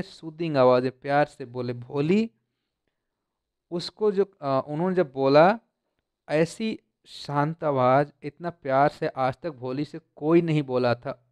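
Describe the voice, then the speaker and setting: Slow, deliberate male teacher reading aloud. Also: a little high, smooth, no echo. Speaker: teacher explaining a textbook story. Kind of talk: line-by-line lesson, reading English text slowly then explaining in Hindi.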